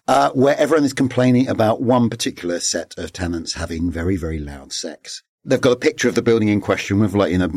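Wry man, low animated voice. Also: husky, no room sound, clean studio sound. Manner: wry, hesitant, restarts sentences. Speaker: guest commentator. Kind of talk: casual panel chat.

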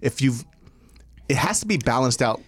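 Blunt, opinionated male co-host, lively delivery, dry close mic. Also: mid-range voice, moderate pace, no echo. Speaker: podcast co-host. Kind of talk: casual chat.

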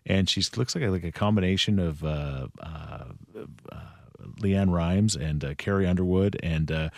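A man's voice: low-pitched, moderate pace, gravelly, a little mellow, no room sound. A man hosting a morning radio show in the upbeat manner of a radio contest promo, on a studio microphone.

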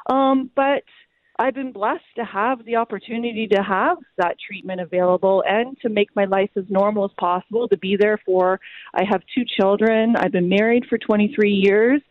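A woman's voice: medium pitch, steady tone, normal speed, no echo. Woman, Canadian accent, forties, earnest, lots of ums, phone-line audio. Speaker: guest. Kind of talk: interview.

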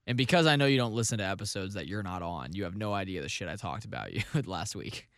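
A young man with a slightly worn, hoarse voice co-hosting a podcast in casual, sweary, joking chat. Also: deep voice, lively intonation, fast talker, no echo, clean studio sound. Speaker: podcast co-host.

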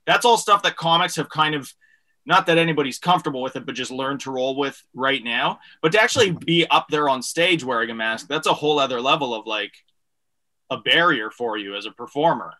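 A man's voice: mid-range voice, animated, brisk, bright, forceful tone. A man hosting a casual comedy interview, chatty and wordy in an informal way. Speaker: comedy show host.

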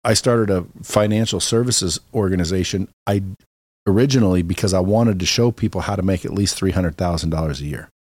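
A deep-voiced entrepreneur speaks fairly quickly as a podcast guest, his tone darkish and the recording free of room sound. Casual, blunt, and confident, he puts things like a salesman and drops some mild swearing.

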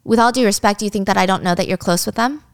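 A woman's voice: medium pitch, racing, clear, resonant tone, no echo, clean studio sound, lightly acted. Woman voicing an earnest young cop. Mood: insistent. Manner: insistent, respectful. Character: earnest determined young police officer, man.

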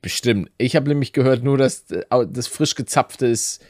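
Lively, joking man on a podcast. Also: mid-range voice, normal speed, no echo, clean studio sound. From Rhineland, Germany. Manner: joking, teasing, playful. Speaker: podcast co-host. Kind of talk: casual podcast banter.

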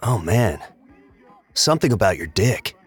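An actor playing a laid-back stoner roommate who talks in an unbothered, drawling slacker way. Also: male voice, fairly low pitch, very animated, measured pace, breathy edge, faint music behind, full character voice. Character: laid-back stoner male roommate, easygoing and munchie-minded. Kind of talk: audio drama acting.

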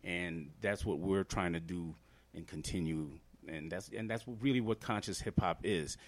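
Speaking at a normal speed in a low voice, this Trinidad and Tobago-born hip-hop artist guests on a relaxed podcast interview. He explains with earnest sincerity, using plenty of filler words.

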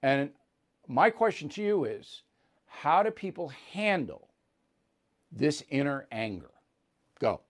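A man's voice: fairly high pitch, sing-song, slow, long pauses. A man hosting an opinionated commentary monologue, emphatic and repeating words for punch. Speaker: host.

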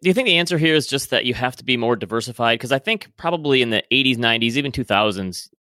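A man's voice: medium pitch, animated, fast, sharp tone, no room sound, clean studio sound. A man hosting a podcast interview, putting questions in a conversational style.

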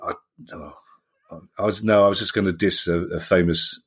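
A man hosting a podcast, chatting and bantering in a jokey, relaxed way. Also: low voice, moderate pace, breathy edge. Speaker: podcast host. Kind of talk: casual podcast chat.

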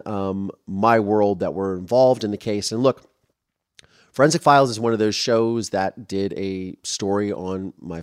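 A man's voice: fairly low pitch, clear, resonant tone, no echo, clean studio sound. A man in his thirties hosting a podcast, talking casually and rambling with fillers and restarts, openly emotional at times. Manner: openly emotional, voice softening when moved. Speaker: podcast host.

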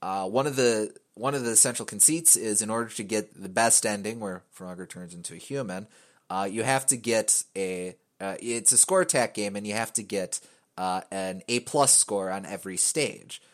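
A man with a fairly low voice hosts a casual podcast chat. He rambles and hedges, restarting his sentences and filling the gaps with "uh." His humor stays wry and offhand throughout. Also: moderate pace. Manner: rambling, many fillers and restarts; wry, joking. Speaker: podcast host.

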